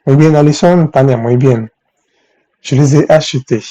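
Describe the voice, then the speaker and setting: A man teaching French in on a live stream, reading viewers' comments and saying French examples slowly. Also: medium pitch, dark tone. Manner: reads viewers' chat, thanks them for gifts, spells French slowly. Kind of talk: live-streamed language lesson.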